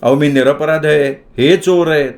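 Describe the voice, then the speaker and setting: A man's voice: a little high, normal speed, darkish tone, natural voice. A man doing an earnest, flustered young villager. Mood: pleading. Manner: pleading, protesting his innocence.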